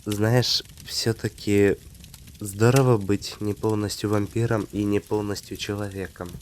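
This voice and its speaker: Man playing slow, low-voiced tender vampire husband, soft ASMR. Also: level tone, slight background noise, natural voice. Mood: calm, musing. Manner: slow, intimate, hesitant phrasing with pauses. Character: tender, devoted half-vampire husband talking to his wife. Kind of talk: soft ASMR romantic role-play.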